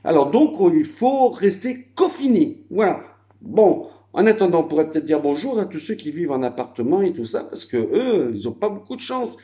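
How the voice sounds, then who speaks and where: Filmed on a phone at his country home, a man from France, a vlogger, chats and rambles with lots of fillers. He speaks at a moderate pace in a high-ish, sing-song, mellow voice, recorded with dull audio.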